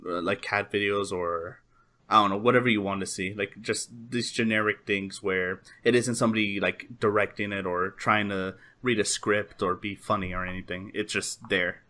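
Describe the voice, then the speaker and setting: A man's voice: lowish voice, fairly even intonation, normal speed, pushed and bright. A young man hosting a casual podcast chat, rambling with lots of "like" and "um". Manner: rambling, heavy use of "like" and "um". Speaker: podcast host.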